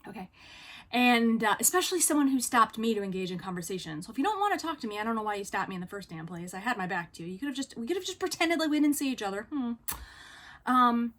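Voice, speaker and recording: A woman's voice: fairly high pitch, sing-song, quick pace, fairly bright tone. A woman telling a personal story in a casual vlog, chatty and full of fillers, acting out other people's lines. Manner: chatty, many fillers, acts out quoted dialogue. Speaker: vlogger on living with BPD.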